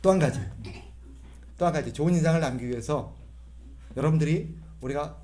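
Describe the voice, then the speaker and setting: A man's voice: on the high side, brisk, dark tone. A middle-aged male pastor giving a humorous sermon, imitating voices and having the congregation repeat phrases after him.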